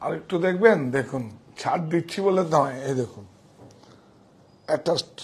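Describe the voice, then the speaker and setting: In a saree shop's indoor showroom, a man plays the owner and runs an emphatic, repetitive sales pitch in a casual way. His voice sits on the higher side, expressive and a bit rough, at a moderate pace, captured through a wireless mic clipped to his chest.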